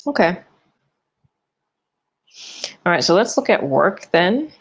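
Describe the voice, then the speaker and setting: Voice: mid-range voice, big pitch swings, slow, slightly rough. A tarot reader giving a loose, chatty forecast, full of fillers and restarts and yawning often.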